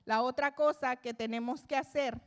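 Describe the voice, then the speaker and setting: A middle-aged woman giving an expressive, conversational church teaching to mothers, often pausing on fillers and restarting phrases. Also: sits high. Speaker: church speaker addressing mothers. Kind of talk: Spanish-language church teaching. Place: church service.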